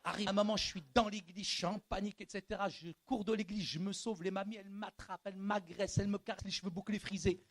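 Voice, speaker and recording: A male pastor preaching a sermon in a church, animated and colloquial, moving from hushed lines to shouting. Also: high-pitched, fast talker, few pauses. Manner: colloquial street slang.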